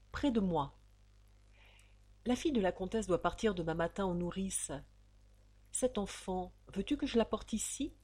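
A woman with a husky voice playing a scheming, commanding count who urgently presses his lover to go along with his plan, in an audiobook of a novel. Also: medium pitch, a little mellow, voice pushed up, close to an everyday voice. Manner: urgent, insistent pleading.

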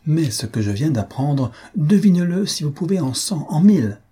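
Gossipy fussy old lady, a man reading her, higher and excited, dark mellow husky tone. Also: moderate pace, exaggerated voice. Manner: excited, exclaiming, talkative. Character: chatty gossiping older woman, fussy and self-important.

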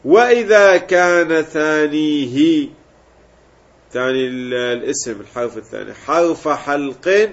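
A grammar teacher with a fairly high voice explains word patterns to his class, saying each form out loud one by one. The recording is dull and lo-fi. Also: animated, a little slow. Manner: explains step by step, repeating word forms aloud. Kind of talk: classroom lesson.

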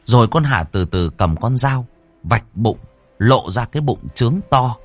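A man's voice: medium pitch, animated, measured pace, dry recording, soft background music. A man reading a ghost story aloud with a dramatic, swooping delivery.

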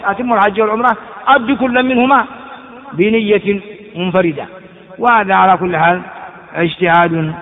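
A man giving an Islamic lesson on Quran commentary, explaining by repeating phrases and asking rhetorical questions. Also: high-pitched. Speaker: Islamic scholar teaching. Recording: tinny lo-fi recording in echoey hall.

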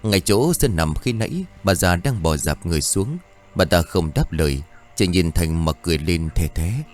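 A man narrating a spooky village story with a steady, suspenseful telling. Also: sits low, normal speed, faint music behind. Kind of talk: scripted horror story narration.

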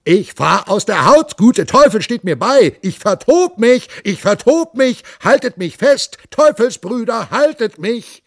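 A man's voice: medium pitch, big pitch swings, measured pace, a little mellow, dry recording, studio quality. A man voicing a sly young cavalier who plays a poor devil, wheedling and pleading, at times shrieking in a frenzy. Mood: frenzied.

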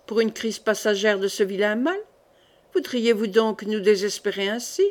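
A woman's voice: mid-range voice, moderate pace, lightly acted. A woman reading the part of a scheming queen mother, haughty and insistent. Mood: persuasive.

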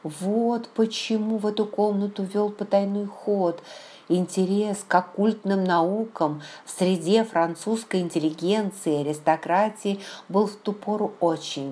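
A woman narrating a novel in the first person, with a measured, expressive reading. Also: on the low side. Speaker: audiobook narrator. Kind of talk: scripted literary narration.

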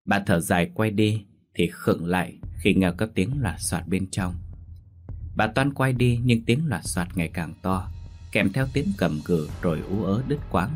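A man narrating a ghost story in a slow, dramatic manner. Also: low-pitched, lively intonation, faint music behind.

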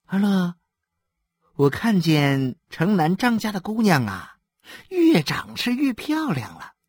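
A talkative young mother from a storybook, as a male narrator puts her on, high and lilting, with a dry, close sound. She chatters about the neighbors and snaps at her son when he won't obey. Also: wildly swooping pitch, slow, husky, no room sound, full character voice. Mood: gossiping. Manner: gossipy, then exasperated. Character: chatty 30-year-old mother, scolding.

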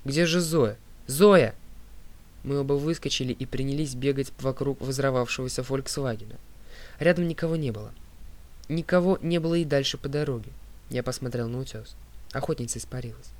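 Man narrating an audiobook steadily. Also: fast talker. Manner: steady, clear reading, dropping low on speaker tags. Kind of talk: scripted narration.

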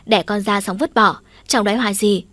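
A woman's voice: mid-range voice, fairly quick, fairly bright tone, dry recording, close to an everyday voice. A playful young man of twenty who clings to his mother and pesters her, played by a woman reading an audiobook. He whines, pleads and teases. The sound is dry and close to the mic. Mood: indignant. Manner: whiny, pleading, teasing.

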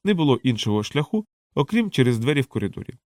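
Measured male audiobook narrator, dry sound. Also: mid-range voice, dry recording. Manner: measured, steady reading. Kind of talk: scripted narration.

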